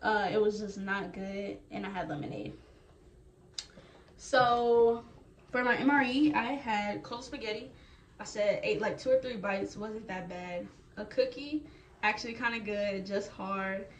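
A young woman vlogger casually retelling her experience in a chatty, animated way. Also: medium pitch, unhurried. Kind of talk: casual storytelling. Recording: roomy, distant, faint noise.

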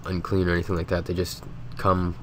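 Brisk and casual, this deep-pitched gaming host sounds sick, his nose clogged as he voices over gameplay. He wanders between thoughts with frequent fillers, relaxed throughout, against a faint background hum.

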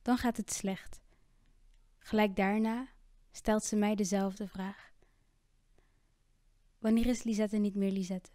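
A woman performing her spoken word poetry, rhythmic and full of repeated lines, moving between loud and hushed delivery. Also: mid-range voice, fairly even intonation, takes it slowly, pauses often, no echo, clean studio sound.

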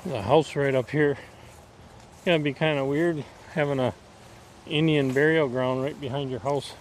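A man's voice: mid-range voice, fairly even intonation, unhurried, a little hiss or hum. Folksy man thinking aloud outdoors. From Wisconsin. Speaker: vlogger exploring a mound preserve. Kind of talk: casual walking vlog commentary. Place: outdoors in a wooded preserve.

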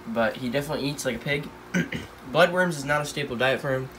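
In this casual pet care vlog, a teenage boy with a stuffy nose films his tanks at home on a handheld phone, rambling with plenty of fillers. He speaks fairly quickly in a medium-pitched, fairly bright voice, and the recording is rough with slight background noise.

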